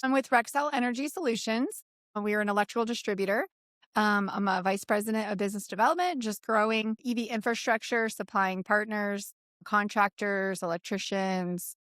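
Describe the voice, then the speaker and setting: A woman's voice: medium pitch, normal speed, a bit bright, no echo, studio quality. A woman speaking as a guest on an industry panel, upbeat and easygoing. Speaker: guest, electrical distribution executive. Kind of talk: panel discussion.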